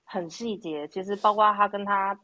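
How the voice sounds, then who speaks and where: A woman's voice: mid-range voice, steady tone, normal speed, pushed and bright, no room sound. A woman with a Taiwanese Mandarin accent telling anecdotes in casual chat, quoting bits of dialogue as she goes.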